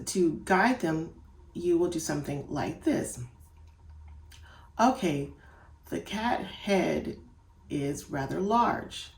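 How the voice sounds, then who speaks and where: A woman gives homeschool reading tips and talks straight to parents. She sounds calm and encouraging, with a fairly low voice. The recording picks up the echo of the room. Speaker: homeschool teacher giving tips. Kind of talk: casual instructional talk. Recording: echoey room.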